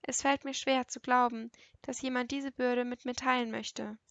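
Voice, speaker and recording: A woman's voice: on the high side, level tone, normal speed, vocal fry, a bit bright, no room sound. A woman voicing a guarded, self-reliant young woman in an audiobook, speaking defensively and close to tears. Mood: vulnerable. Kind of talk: audiobook character reading.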